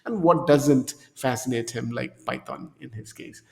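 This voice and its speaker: A mid-pitched man in his thirties coaching viewers through a screen-share tutorial. He sounds upbeat and coaxing and keeps checking in with "okay?". His desk mic picks up a noticeable room reverb. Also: unhurried, gravelly, darkish tone, slight background noise. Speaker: career coach. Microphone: desk mic in frame.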